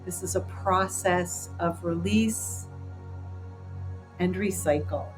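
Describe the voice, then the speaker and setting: In a slow, lowish voice, a woman guides a group through an informal, improvised meditation, offering encouragement as she goes. The recording is rough, with background music clearly audible beneath her.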